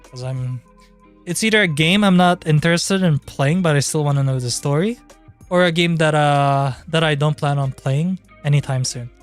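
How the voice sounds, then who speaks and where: A man's voice: on the high side, moderate pace, clean tone. A man chatting casually on a livestream in an informal, sweary, rambling way. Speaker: streamer. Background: background music.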